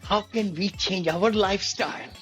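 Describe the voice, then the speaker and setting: A man's voice: high voice, moderate pace, fairly bright tone, faint music behind. A man in his seventies, co-hosting a casual podcast chat, enthusiastic and repeating words for emphasis. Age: 70s. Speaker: co-host.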